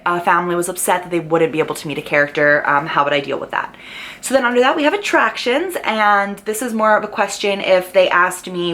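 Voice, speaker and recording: In her vlog, a young adult woman cheerfully goes over prepared notes, her slightly bright voice rising at the start of every new point.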